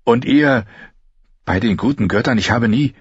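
A man reading an audiobook voices a humble young male apprentice who speaks in a hesitant, deferential, halting way, with a husky tone. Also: mid-range voice, no echo, highs cut off, pitched above the performer's own voice, close to an everyday voice.

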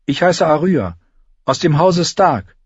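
A man reading an audiobook voices a defiant, scrappy young noble girl in a raised, sharp, commanding tone, husky underneath. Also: a little high, sing-song, takes it slowly, dry recording, muffled recording, pitched above the performer's own voice, heavily acted. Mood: earnest.

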